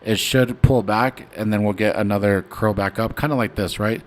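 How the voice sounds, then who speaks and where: A man's voice: lowish voice, steady tone, moderate pace. Laid-back young man rambling about charts. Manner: laid-back, rambling, slangy with many fillers. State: hiccuping. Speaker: stock trading stream host. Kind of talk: casual livestream chart talk.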